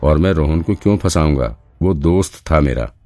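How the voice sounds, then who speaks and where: A man's voice: a bass voice, lively intonation, normal speed, darkish tone, soft background music. A man voicing an emotional accused husband who pleads his innocence in an audiobook. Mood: pleading.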